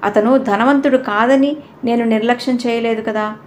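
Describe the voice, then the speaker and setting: A proud young woman in a spoken storybook, quick to take offence and defending herself indignantly, as a woman reader plays her. The voice is on the high side, with a faint hiss behind it. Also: steady tone, a little mellow, close to an everyday voice. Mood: defensive.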